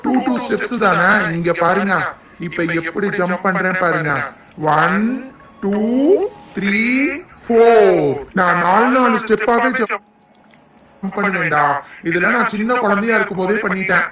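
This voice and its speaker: A cheeky little cartoon boy, played by a man, who boasts and picks quarrels with his playmates in a high, bright voice. The sound is very echoey and set back from the mic, with a crowd murmuring behind. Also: unhurried, recorded from a distance. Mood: boastful. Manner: bold, teasing, argumentative. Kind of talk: cartoon dubbing.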